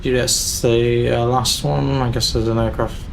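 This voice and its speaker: A man's voice: medium pitch, little pitch movement, a little slow, creaky, a little hiss or hum, low-quality recording. A man talking as a pilot in the cockpit, giving clipped checklist callouts and radio readbacks while streaming a flight simulator.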